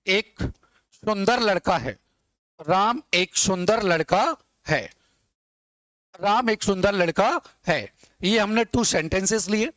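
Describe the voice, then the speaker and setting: A man teaching English grammar in Hindi, asking questions and answering them himself, and dictating example sentences slowly word by word. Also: high voice, fairly bright tone, dry recording. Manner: repetitive call-and-response questioning, addressing students as dear children. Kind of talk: classroom grammar lesson in Hindi.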